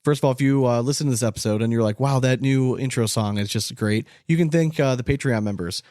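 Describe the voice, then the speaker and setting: A podcast co-host chats casually and informally, swearing loosely here and there. His medium-pitched voice is fast and darkish, captured with clean studio sound and no room sound.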